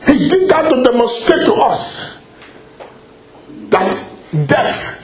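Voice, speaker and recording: Man, preacher, high voice, animated sermon, frequent hallelujahs, echoey hall. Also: slow pace, a little hiss or hum. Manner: animated, exclaims hallelujah and praise God often; repeats and restarts phrases.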